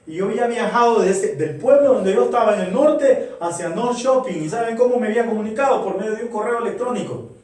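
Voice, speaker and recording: A man's voice: high-pitched, darkish tone. Earnest middle-aged guy preaching, lots of questions to the church, big echoey hall sound. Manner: earnest, addresses the congregation with rhetorical questions. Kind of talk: sermon. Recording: very echoey church, voice far from mic.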